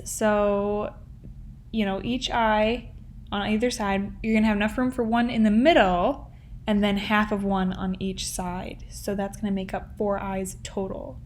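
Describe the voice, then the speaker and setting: Speaking in a mid-range voice over a faint hiss or hum, a young woman runs a relaxed, step-by-step drawing tutorial. Her manner is playful and talkative, and "like" and "um" come up constantly.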